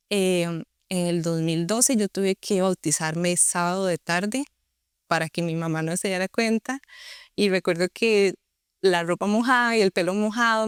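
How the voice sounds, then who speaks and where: Costa Rican woman, smooth clear voice. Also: mid-range voice, no room sound, clean studio sound. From Costa Rica. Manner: earnest, reflective storytelling. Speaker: interview guest. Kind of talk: personal testimony.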